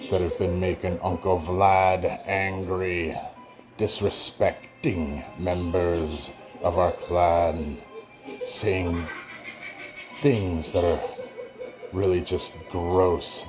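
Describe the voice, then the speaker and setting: A man's voice: low-pitched, low-quality recording. A man playing a sinister, gloating old vampire-like uncle who hosts a show, talking theatrically and breaking into cackles. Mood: menacing. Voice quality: theatrical, cackling laughs between lines. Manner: slow, drawn-out, menacing pontificating. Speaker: show host character. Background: mallet and xylophone music.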